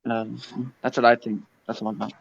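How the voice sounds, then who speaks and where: A man guests on a casual podcast, hesitating and restarting as he talks. His mid-pitched voice comes through somewhat dull and muffled. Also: flat delivery, fairly quick, vocal fry, a little hiss or hum. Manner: hesitant, lots of ums and restarts. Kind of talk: casual chat.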